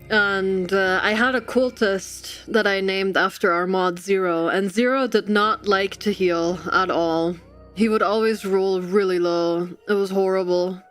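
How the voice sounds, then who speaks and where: A woman livestreamer and artist chats with her audience in a giggly, expressive, casual way. Her voice is medium-pitched with a fairly bright tone, and background music plays.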